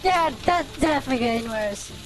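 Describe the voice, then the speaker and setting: A woman's voice: high voice, expressive, a little fast. A woman streamer with a cute, exclamatory anime-streamer delivery, giving casual live reaction commentary. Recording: music playing behind the voice. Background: audio of the watched video, with music.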